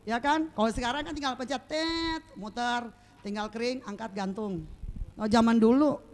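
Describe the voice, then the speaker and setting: A woman preaching a sermon in a lively, storytelling way, acting out moments with sound effects and often asking the congregation to agree. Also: a little high, normal speed.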